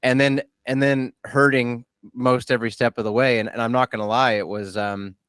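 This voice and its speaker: A man's voice: mid-range voice, level tone, normal speed, fairly bright tone, clear, resonant tone, no echo. A man in his thirties hosting a casual interview, talking candidly and self-deprecatingly about his own injury, with frequent restarts. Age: 30s. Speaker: podcast host and athlete.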